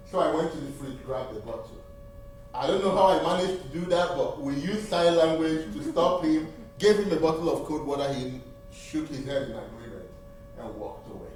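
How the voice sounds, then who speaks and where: A Nigerian man with a Nigerian accent, Igbo being his first language, gives an earnest testimony and appeal at church as a seminary graduate, repeating key phrases for emphasis. His voice sits on the high side and is a little mellow. The recording, made in the church sanctuary, is distant and roomy with slight background noise.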